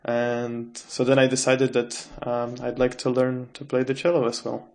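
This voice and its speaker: A man's voice: mid-range voice, level tone, moderate pace, darkish tone. A man, a guest answering interview questions in a thoughtful, hesitant way with frequent restarts. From Czech Republic. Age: 20s. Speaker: guest, adult cello student.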